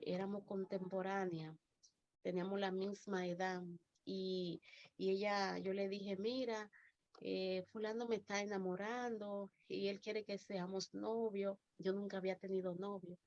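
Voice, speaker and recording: Woman pastor, Dominican accent, halting testimony delivery; muffled lo-fi recording. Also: mid-range voice, level tone, a little mellow. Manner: halting storytelling with many restarts. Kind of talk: personal testimony. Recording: dull lo-fi recording.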